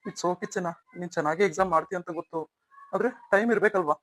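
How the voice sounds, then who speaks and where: A woman's voice: on the low side, fast talker, lightly acted. A woman voicing a young man in a cartoon, a devoted husband who talks in a tender, apologetic, coaxing way. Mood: gentle. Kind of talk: cartoon voice acting.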